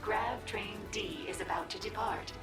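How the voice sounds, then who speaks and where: An actress voicing a female train station announcer whose formal, calm announcements come over a public address loudspeaker. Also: mid-range voice, unhurried, creaky. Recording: distant echoey PA over loud game music.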